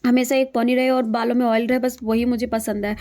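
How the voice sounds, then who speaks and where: A woman's voice: a little high, little pitch movement, brisk, mellow. A young woman narrating her day in a chatty, diary-like home vlog. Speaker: vlogger.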